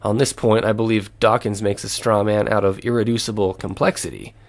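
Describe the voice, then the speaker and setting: A man's voice: lowish voice, steady tone, a little fast, creaky. Earnest man reading a prepared lesson. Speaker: lecturer. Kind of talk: scripted narration.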